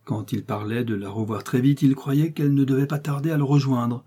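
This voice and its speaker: A man's voice: mid-range voice, fairly even intonation, fairly quick, dark tone, slightly rough, lightly acted. A man voicing a loyal old male servant who speaks earnestly and pleads, in an audiobook reading.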